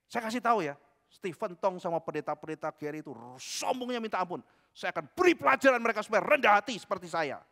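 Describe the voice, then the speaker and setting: A pushy, boastful know-it-all man shouts his demands in a high, swinging voice that bounces around a large hall. He sounds self-important and loud, as a preacher puts him on. The reverb rings out behind him. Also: animated, quick pace, gravelly, exaggerated voice. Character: arrogant, boastful middle-aged man who loves debating. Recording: echoey church hall.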